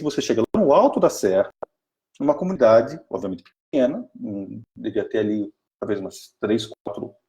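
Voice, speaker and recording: A man's voice: mid-range voice, mellow. A Brazilian man with a Brazilian Portuguese accent, chatting casually and enthusiastically in a live talk, full of fillers and restarts. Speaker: strategic planning mentor for an NGO.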